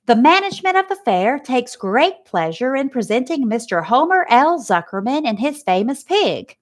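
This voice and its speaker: A woman reading aloud and voicing a pompous male fair loudspeaker announcer with a grand, booming delivery. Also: very animated, moderate pace.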